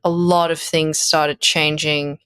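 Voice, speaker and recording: Slow and low-voiced, this Australian-accented woman in her thirties is a chatty podcast guest who laughs a lot and restarts sentences partway through. Her tone is fairly bright and clean, with little pitch movement, no echo and clean studio sound.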